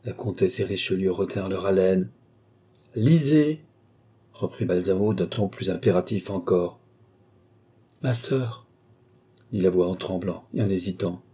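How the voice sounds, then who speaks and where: Husky dark-voiced male narrator. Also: low voice, flat delivery, a little fast, few pauses. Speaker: audiobook narrator. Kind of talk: scripted narration of a classic novel.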